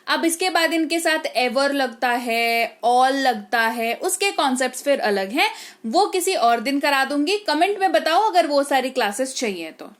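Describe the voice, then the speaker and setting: A woman's voice: high voice, a bit bright. A woman teaching a language lesson, spelling words out letter by letter and often checking "okay?" with her students. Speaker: English teacher.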